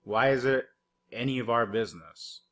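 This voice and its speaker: A man's voice: medium pitch, expressive, moderate pace, a bit bright. A man doing a mocking, rambling reaction commentary over news clips, cursing and heavy on fillers. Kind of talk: profane sarcastic reaction commentary.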